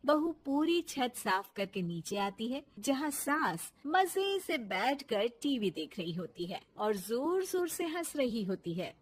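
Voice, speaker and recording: A woman narrating a cartoon story in a dramatic, expressive scripted style. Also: a little high, breathy edge.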